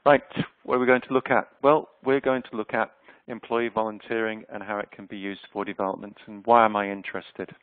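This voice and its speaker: This webinar presenter is a Yorkshire man in his fifties whose accent comes through as he talks conversationally, dropping in plenty of ums. He speaks briskly in a lowish voice with little pitch movement. The webinar mic recording is dry, tinny, phone-like, and echo-free.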